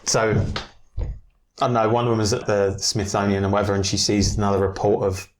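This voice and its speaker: A man's voice: on the low side, little pitch movement, fairly quick, roomy sound. A man on a casual podcast, rambling through a story idea and acting out lines from scenes as he goes. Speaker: co-host.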